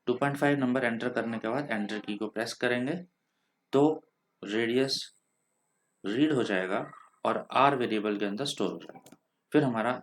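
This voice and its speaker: An Indian man with a slightly low voice leads a screen-recorded coding tutorial. He explains each step patiently, dropping English technical terms into his talk. Keyboard typing sounds in the background. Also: slight background noise. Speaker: programming teacher.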